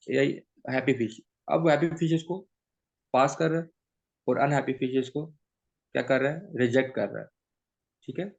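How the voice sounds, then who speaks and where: Slow, gravelly male trainer. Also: a little high, darkish tone. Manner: mixes English into explanations, keeps asking "theek hai?". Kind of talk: teaching a training session. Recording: dull lo-fi recording.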